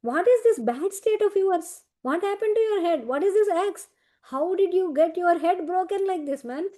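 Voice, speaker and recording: A woman's voice: extremely high pitch, expressive, mellow, voice pushed up. A woman voicing Varaha, a male divine boar lord, who fires worried questions at a wounded companion. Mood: worried, questioning. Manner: pressing rapid questions.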